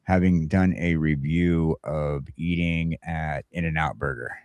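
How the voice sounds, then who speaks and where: On a relaxed morning talk show, the host, a man with a very low, steady and darkish voice, speaks in a casual, halting way and keeps returning to his firmly held views. The sound is close and very dry, with no echo.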